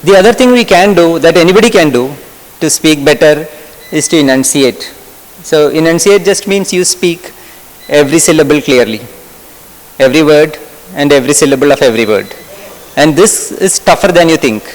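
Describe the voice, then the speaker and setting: A man's voice: fairly high pitch, lively intonation, normal speed. A middle-aged man from Kerala with a Malayali English accent, giving a conversational workshop lecture and putting questions to his audience. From Kerala, India. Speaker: medical lecturer. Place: lecture hall. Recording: lecture hall reverb.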